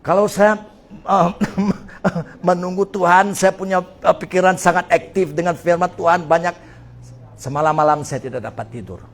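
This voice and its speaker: A male pastor preaching a sermon in a lively way, slipping into English phrases and laughing often. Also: high voice, moderate pace, vocal fry.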